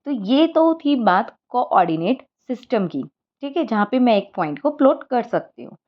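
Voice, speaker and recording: A woman's voice: on the high side, sing-song, moderate pace, highs cut off. A woman maths teacher, explaining a lesson step by step and often checking that students follow.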